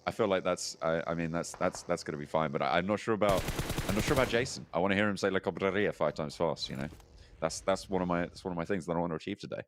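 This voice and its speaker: A man co-casting a live esports match, offering animated commentary and often repeating words as he thinks aloud. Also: low-pitched, quick pace, a little hiss or hum.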